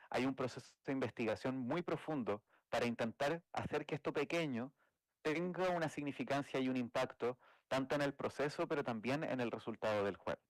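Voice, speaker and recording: Man, academic talk, hesitant fillers, mid pitch, dry sound. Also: dry recording, low-quality recording. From Chile. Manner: thoughtful, frequent restarts and filler "eh". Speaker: game designer giving a talk. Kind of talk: academic lecture.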